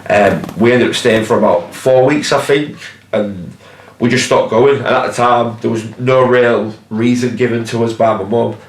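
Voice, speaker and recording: A man's voice: medium pitch, fairly even intonation, normal speed, a little hiss or hum. A man, talking candidly and casually, swearing freely, in a documentary interview. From Hull, England. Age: 20s. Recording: roomy sound with background music.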